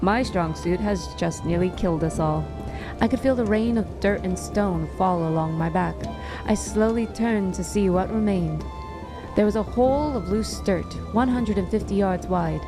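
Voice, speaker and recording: A woman's voice: medium pitch, normal speed, over music. Wry woman narrating a story. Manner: wry, dry humor. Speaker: author and narrator. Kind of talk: first-person story narration.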